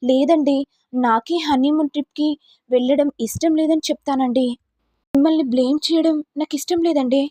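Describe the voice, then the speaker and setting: Woman reading as meek young wife, gentle, polite, high voice. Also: fairly even intonation, a little fast, no echo, lightly acted. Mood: pleading. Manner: soft, polite pleading.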